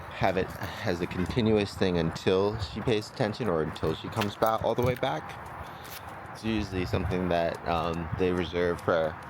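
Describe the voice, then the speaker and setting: A man's voice: low voice, noisy background. A man working as a dog trainer, explaining a training demonstration in a casual, think-aloud way outdoors. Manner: informal, thinking aloud, checking with "right?".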